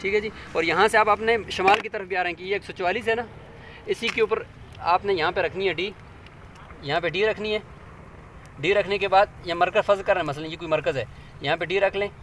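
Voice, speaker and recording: A man's voice: high voice, fairly quick, a bit bright, a little hiss or hum. A man teaching a hands-on demonstration, patient and step by step, often asking his listeners to check along.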